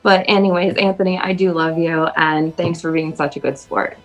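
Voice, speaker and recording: A woman delivers a roast of insult jokes over a video call in a deadpan, mock-sweet way. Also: lowish voice, normal speed, soft background music, rough recording. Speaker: roast contestant.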